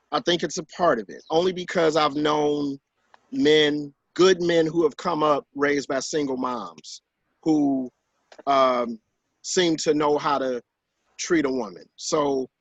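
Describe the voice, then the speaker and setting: A man's voice: measured pace, dry recording, dull audio. Dry-sounding man telling stories animatedly. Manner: animated storyteller who acts out quotes in higher voices. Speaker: author and guest on a talk show. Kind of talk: casual conversation.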